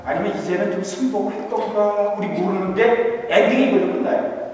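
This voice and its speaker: A male pastor preaching a humorous sermon, quizzing his congregation and swinging between emphatic lines and quiet asides. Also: high voice, fairly quick, slight background noise. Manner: humorous, asks the congregation questions. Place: church sanctuary. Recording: echoey church hall, distant mic.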